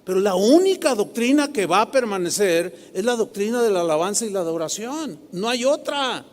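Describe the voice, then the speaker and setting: A middle-aged man with a Mexican accent, preaching a sermon to a congregation, animated and confrontational, often asking the crowd questions. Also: high voice, normal speed, slight background noise. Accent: Mexican Spanish. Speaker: pastor. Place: large hall with a live congregation. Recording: long hall reverb.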